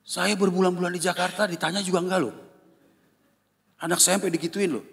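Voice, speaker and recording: Animated pastor in an echoing church. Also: male voice, high-pitched, fairly quick, vocal fry. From Indonesia. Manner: animated storytelling, mimics his children and congregation. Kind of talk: sermon with personal testimony. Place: church hall. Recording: long church reverb.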